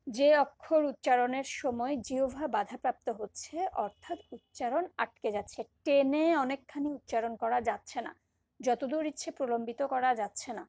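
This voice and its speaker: A woman teacher lectures with patience, repeating each example and stretching single syllables. Her fairly high voice is husky and gravelly. The sound is dry and close. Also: normal speed, a little mellow, no echo. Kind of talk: recorded lecture on poetic meter.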